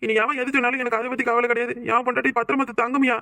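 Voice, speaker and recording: Man as a quick, high-voiced, emotional young husband in a cartoon; dry, close recording. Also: flat delivery, creaky, bright, forceful tone, no echo, heavily acted. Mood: grateful. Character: hot-headed young village husband, remorseful. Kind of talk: cartoon voice acting.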